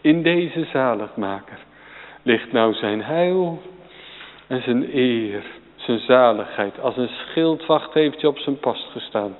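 A man preaching a solemn sermon to his congregation, rising to loud, emphatic peaks. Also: mid-range voice, lively intonation, slow pace, long reverb tail, phone-quality sound. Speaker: pastor.

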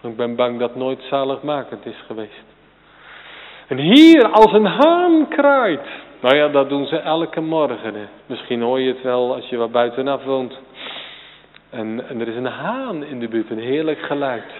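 A man preaching a sermon to a congregation and children, emphatic and swinging from quiet passages to sudden loud peaks. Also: mid-range voice, normal speed. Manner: addresses congregation and children directly. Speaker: pastor. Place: church. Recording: tinny phone-like sound, long church reverb.

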